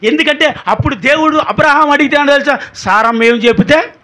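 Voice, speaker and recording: A man's voice: very high voice, brisk, pushed and bright. A man preaching a sermon, firing rhetorical questions at the congregation and calling for applause.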